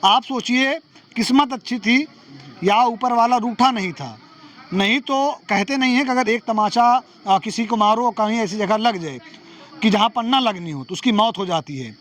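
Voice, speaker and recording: High-pitched reporter guy, fired up, keeps asking the viewer to think. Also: moderate pace, fairly bright tone. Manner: impassioned, rhetorical questions. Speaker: local news reporter. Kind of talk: field reporting and interviewing.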